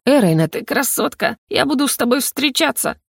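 A woman's voice: sits high, lively intonation, a little fast, gravelly, no echo, clean studio sound, voice pushed up, exaggerated voice. A woman voicing a drunk, giggly young woman stuck in a man's body, slurring and gushing in an audiobook. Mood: giddy. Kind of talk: audiobook character reading.

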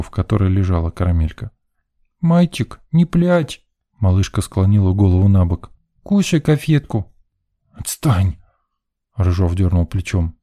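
Low dark-voiced male audiobook narrator. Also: no echo, clean studio sound. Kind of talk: scripted first-person narration.

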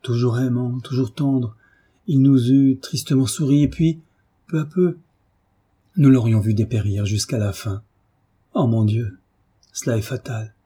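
A dying young mother, tender and devoted, speaking in soft, pleading tones, as a man reads her part. The voice is very dark and deep-toned, with a husky, breathy grain. It is an audiobook reading of a novel. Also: measured pace, pauses often. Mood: tender, sorrowful.

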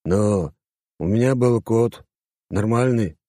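Brief: man doing a bantering, excuse-making male friend, low and dark, dry close mic. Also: takes it slowly, dry recording. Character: joking male inquisitor friend, defensive. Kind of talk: audiobook character voice.

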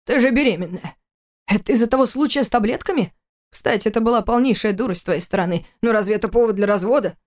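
A woman reading the part of a stern, domineering older father-in-law, gruff and commanding. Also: on the high side, fast, darkish tone, lightly acted.

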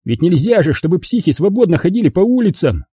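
A man reading an audiobook, voicing a crude, mocking teenage boy bully with a husky voice. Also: high voice, very animated, quick pace, warm tone, no room sound, studio quality, pitched above the performer's own voice, exaggerated voice. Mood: sneering. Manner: mocking, theatrical taunting.

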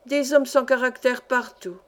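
A woman reading a story aloud voices a greedy old peddler, pitching her voice a little high as he fawns and wheedles in an insistent sing-song. His coaxing never lets up, though her pace stays measured and her voice natural.

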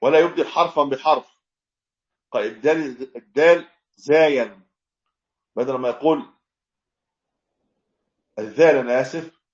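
A sheikh teaching a fiqh text speaks in a mid-range voice at normal speed, leaving long pauses, and the audio is dull. He walks through the religious lesson step by step and demonstrates correct recitation.

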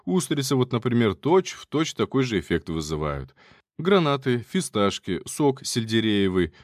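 A man's voice: mid-range voice, no room sound, clean studio sound. A man giving casual first-person audiobook narration in a wry, colloquial manner.

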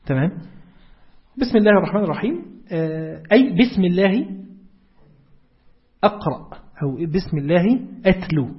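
A man's voice: high-pitched, expressive, brisk, long pauses, breathy edge, highs cut off. A man with an Egyptian Arabic accent giving a religious lecture, explaining step by step and asking his listeners rhetorical questions. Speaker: preacher.

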